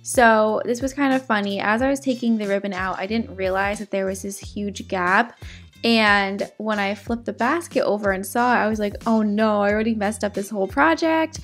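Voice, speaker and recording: Soft music plays behind a woman narrating her crafting vlog from indoors at home. She speaks at medium pitch and normal speed, upbeat and chatty with plenty of fillers, her sick voice occasionally cracking.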